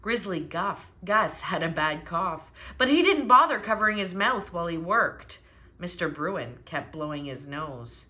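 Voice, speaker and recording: A woman with a fairly low voice reads a children's storybook aloud in an animated way, speaking a little slowly and pausing to ask her young listeners questions.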